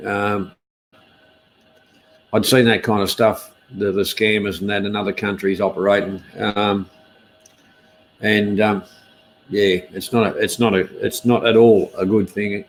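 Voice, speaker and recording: A man's voice: on the low side, level tone, a little slow, pauses often, soft background music, rough recording. An Australian man hosting a casual live stream news chat, speaking in a laconic, hesitant, easygoing outback drawl.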